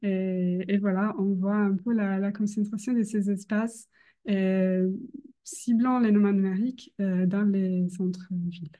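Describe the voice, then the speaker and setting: A young woman with a foreign accent, a non-native speaker, gives an academic presentation hesitantly, often pausing to search for words. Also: mid-range voice, little pitch movement, mellow. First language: not French. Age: young adult. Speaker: doctoral researcher presenting.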